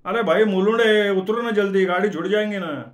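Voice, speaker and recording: A man voicing hurried train passengers urging someone to get off. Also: fairly high pitch, expressive, roomy sound, natural voice.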